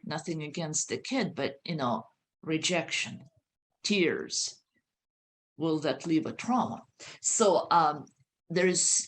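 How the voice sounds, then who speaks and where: Low, slow-talking woman host. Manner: hesitant, many fillers, earnest. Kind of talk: explanatory talk on a video call.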